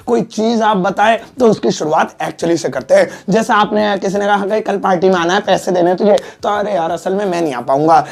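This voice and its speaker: A man's voice: sits high, vocal fry. A man teaching English in a spoken lesson, joking and teasing between examples and repeating each one in Hindi and English. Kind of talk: classroom-style spoken lesson.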